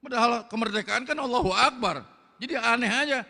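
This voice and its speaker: A man with a Betawi Jakarta accent preaching a fiery sermon, loud, blunt and forceful, with slangy talk. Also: extremely high pitch, fairly quick, creaky, big-room sound.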